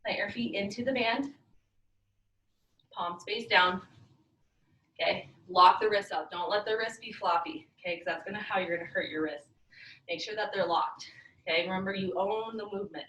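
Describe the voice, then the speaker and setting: A woman coaches a workout like an aerobics instructor, with short, commanding and encouraging cues at a middling pitch. Her voice carries from a distance in a roomy, echoing space, with faint noise in the recording. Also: normal speed, long pauses, fairly bright tone. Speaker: fitness class instructor. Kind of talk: aerobics instructor cueing a live workout with counts and breathing cues. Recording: roomy echo, far from mic, faint noise.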